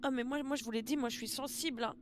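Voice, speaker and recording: High-voiced tearful French woman streamer. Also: steady tone, fast, slight background noise. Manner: emotional, exclaiming, repeating herself. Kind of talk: live game stream reaction.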